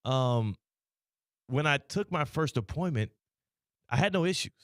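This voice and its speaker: A man's voice: medium pitch, expressive, unhurried, dry recording, clean studio sound. An American man hosting casual radio chat, his speech a little slurred, with a mouth half numb from the dentist. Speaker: sports radio show host. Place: radio studio.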